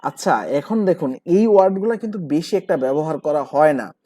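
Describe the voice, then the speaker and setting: Male teacher, repeats words, asks and answers himself, warm tone, close dry recording. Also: on the high side, animated, fairly quick, no room sound. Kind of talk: recorded grammar lesson.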